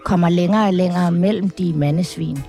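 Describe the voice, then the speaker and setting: A woman's voice: on the low side, warm tone, faint music behind. A woman talking as a podcast guest in casual chat, hesitant and full of fillers, laughing often.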